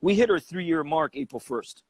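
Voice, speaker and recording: A man's voice: fairly high pitch, expressive, normal speed. A man from Cuba, a cigar company president, talking as an interview guest in a confident, persuasive way.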